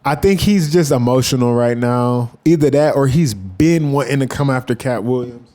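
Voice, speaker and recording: Laid-back man with a dark voice, rambling. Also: medium pitch, normal speed. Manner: rambling, profane, animated asides. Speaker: YouTube commentator. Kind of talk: casual reaction commentary.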